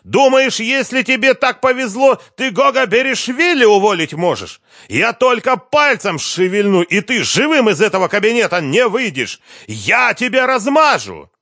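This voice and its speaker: A man voicing a bullying, blustering male company boss who shouts threats in a raised high voice. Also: very animated, moderate pace, no echo, studio quality. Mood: furious.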